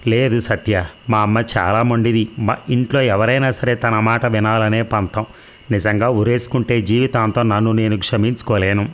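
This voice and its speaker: A man's voice: on the low side, steady tone, normal speed, lightly acted. A man voicing a young man torn between his lover and his mother, firm yet regretful. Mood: troubled.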